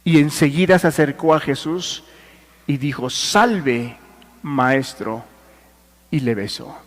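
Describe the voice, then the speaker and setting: A pastor with a high-set voice preaches in a church, his words trailing off into a long hall reverb. He drops to near-whispers and then rises with force, speaking straight to his listeners. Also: moderate pace. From Mexico. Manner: swings between hushed and forceful preaching, addresses listeners directly. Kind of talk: sermon.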